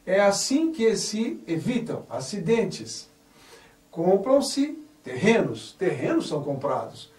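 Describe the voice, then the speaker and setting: Slow, animated man teaching grammar. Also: sits high. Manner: spells out words carefully, stressing correct forms. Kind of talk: slow, deliberate grammar lesson. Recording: echoey room, voice somewhat far from mic.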